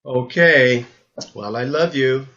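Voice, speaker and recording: An older man with a rambling, halting delivery who repeats words as he talks through supplements, recorded as old camcorder audio. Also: medium pitch, fairly bright tone, lo-fi sound. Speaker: health supplement presenter. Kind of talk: rambling spoken talk.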